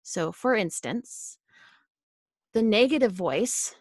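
A woman speaks as a podcast guest in an earnest, casual way. Her voice sits in an ordinary middle pitch. The sound is dry and close, with no room in it. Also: expressive, slow pace, no room sound. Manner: earnest, self-help tone.

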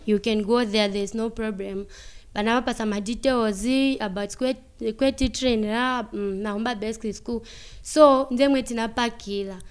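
A young woman from Zambia with a Zambian accent, answering interview questions about playing football, halting and mixing in local words. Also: on the high side, smooth. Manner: mixes English with local words, halting with many fillers.

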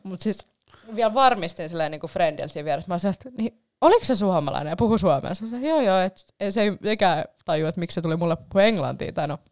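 A woman's voice: lowish voice, lively intonation, darkish tone. A young woman telling a long story in a casual chat, rambling with lots of fillers and the odd swear.

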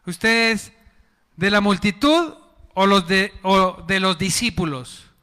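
A man preaches to his congregation with a high, bright voice and an unhurried pace, firing questions at them and leading call-and-response. His voice carries a long reverb from the hall. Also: clear, resonant tone. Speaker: pastor. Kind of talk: sermon.

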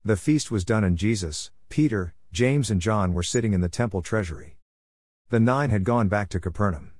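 A man with a fairly low voice narrates a religious text in a measured, even reading. The sound is dry and close to the mic, with no room around it. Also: no echo. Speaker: audiobook narrator.

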